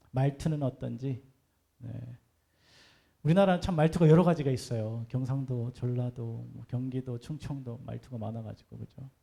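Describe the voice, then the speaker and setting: A man's voice: mid-range voice, dark tone. A man preaching a sermon as pastor, talking conversationally and putting rhetorical questions to the congregation.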